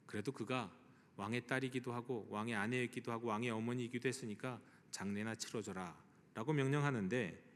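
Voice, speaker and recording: A man's voice: medium pitch, fairly even intonation, a little fast. A male pastor preaching a sermon, retelling a story with vivid quoted speech. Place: church sanctuary. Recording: church hall reverb.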